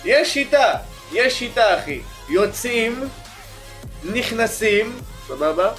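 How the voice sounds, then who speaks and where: A young man giving excited, slangy commentary while opening game packs, pleading for good cards and shouting at big pulls. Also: high voice. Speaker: gaming YouTuber. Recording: music playing underneath.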